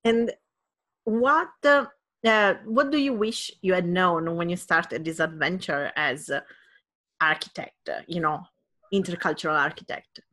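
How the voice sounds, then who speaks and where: A woman's voice: on the low side, unhurried, sharp tone. A woman interviewing a guest, friendly and asking questions with many fillers. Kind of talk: conversational interview.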